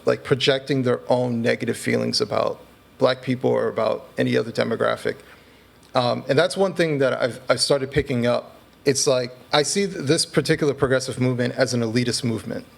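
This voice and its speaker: A man, a podcast guest, talking through his argument in an earnest, measured way and often checking in with the listener. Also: medium pitch, creaky. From United States. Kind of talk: conversational interview.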